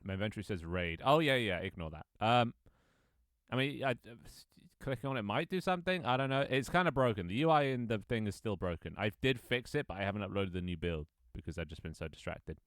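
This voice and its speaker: Fast-talking with lively intonation, a man in his twenties streams his own game and chats with viewers in a casual ramble full of ums and restarts, reading chat aloud. His voice is lowish and fairly bright, with no echo.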